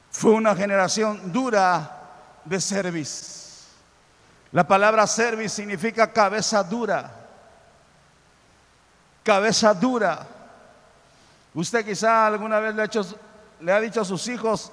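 A man preaching a sermon as a pastor, impassioned and building to loud exclamations. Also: high voice, in a large hall.

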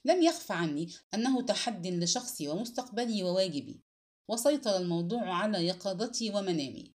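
Woman reading a crime novel aloud, dramatic, pitch all over the place. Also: fairly quick. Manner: expressive, dramatic storytelling. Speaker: narrator. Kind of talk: dramatic audiobook narration.

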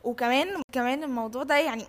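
شابة مصرية اللهجة بتتكلم بسرعة. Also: female voice, sits high, very fast. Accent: Egyptian. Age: young adult. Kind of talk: casual animated group chat.

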